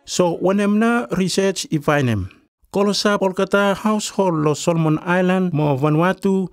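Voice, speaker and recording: A man's voice: fairly high pitch, creaky, no room sound. A man with a Melanesian Pidgin accent reads scripted documentary narration in island pidgin. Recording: voice-over with music behind. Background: music.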